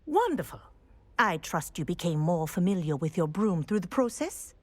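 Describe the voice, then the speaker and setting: A woman voicing a brisk female flying teacher who encourages a student and gives lessons. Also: fairly low pitch, big pitch swings. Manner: brisk, instructive. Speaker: flying professor.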